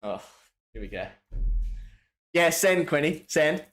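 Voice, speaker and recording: A man's voice: a little high, sing-song, slow pace, a bit bright. An Australian man hosting a livestream, chatting casually in a rambling, slangy way as he reads out viewer messages. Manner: rambling, slangy, restarts often. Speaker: livestream host.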